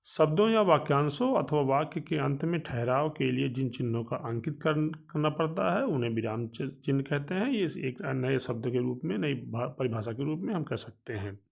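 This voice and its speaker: A man teaching a grammar lesson, explaining step by step in a measured way with frequent pauses. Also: medium pitch, animated, vocal fry.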